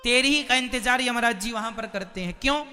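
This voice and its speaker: A man's voice: very high voice, brisk, pushed and bright. A man preaching a devotional sermon, telling the story dramatically and exhorting his listeners. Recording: long hall reverb, faint music.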